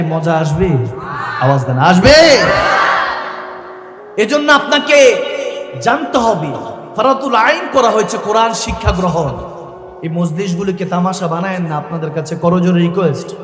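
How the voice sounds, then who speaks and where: High-voiced preacher shouting over echo. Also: male voice. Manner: rousing, often shouting to the crowd. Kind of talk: Islamic sermon at a religious gathering. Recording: echoey hall-like reverb over a PA, faint music.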